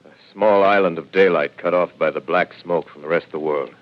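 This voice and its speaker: Deep-voiced, grave survivor professor; 1930s AM radio play, muffled broadcast. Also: male voice, fairly even intonation. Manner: grave, measured, reflective. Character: lone male professor surviving an alien invasion, shaken and weary. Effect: old AM radio broadcast sound. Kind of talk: 1930s radio drama narration.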